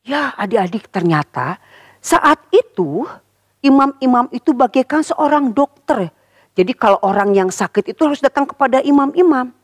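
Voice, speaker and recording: A woman tells a Bible story to children at church with a high, bright voice that swings widely in pitch. She is lively and expressive and keeps asking the kids questions. The sound is close and dry. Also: normal speed, dry recording. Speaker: children's Sunday school teacher.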